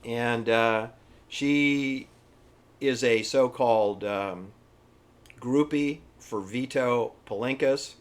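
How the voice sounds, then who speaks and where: A man giving informal, opinionated history commentary in an emphatic, halting, repetitive manner. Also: medium pitch, clear, resonant tone. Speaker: presenter. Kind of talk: informal conspiracy-history commentary over pictures.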